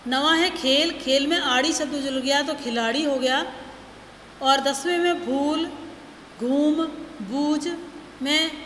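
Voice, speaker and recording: A high-voiced woman teacher talks slowly through a grammar lesson, reading out each word with care. Her voice rings around an echoey room with a long reverb tail, over faint background noise. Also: a bit bright. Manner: slow, deliberate, lists words one by one. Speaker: school teacher.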